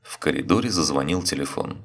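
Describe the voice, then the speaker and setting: A man narrating an audiobook story in a steady, even way. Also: rumbling low, brisk, gravelly.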